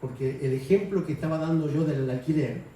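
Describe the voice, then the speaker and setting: A man's voice: fairly high pitch, brisk, warm tone, slight background noise. A man preaching a sermon in a conversational way, raising his voice to act out quotes. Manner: conversational, acts out quotes in a raised voice. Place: church hall. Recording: echoey hall, mic far off.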